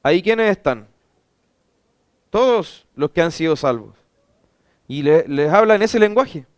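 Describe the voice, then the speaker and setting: Pastor guy giving a bible class, smooth clear voice, kinda high, dry close sound. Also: expressive, a little slow, no room sound. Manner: asks rhetorical questions and answers them himself; reads scripture passages aloud at length.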